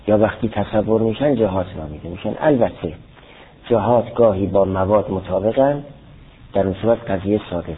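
A man who teaches theology and logic lectures by reading a classical Arabic text aloud and explaining it line by line. His voice is lowish with a breathy edge, and the recording sounds tinny, like a phone.

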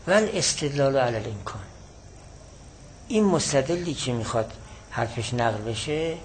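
Man teaching a measured classroom lecture. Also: medium pitch, lively intonation, slight background noise, poor audio. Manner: measured, explanatory, repeats key points.

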